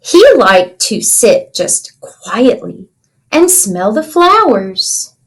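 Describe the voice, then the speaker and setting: A woman's voice: on the high side, big pitch swings, very slow. A woman reading a children's storybook aloud like a teacher, explaining things simply and checking in with young listeners.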